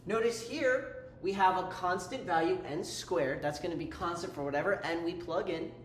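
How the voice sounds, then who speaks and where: A man's voice: sits high, normal speed, a bit bright. A man teaching a calculus lesson in a casual, chatty way, breaking off mid-sentence and tossing in playful asides. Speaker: math tutor. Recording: roomy echo, faint ambient noise.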